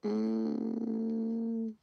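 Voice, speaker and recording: A woman's voice: a little high, completely flat delivery, drawn-out words, creaky, muffled recording. A young woman from Canada chatting casually on a live stream at home, answering viewer comments and trailing off in places. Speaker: livestreamer.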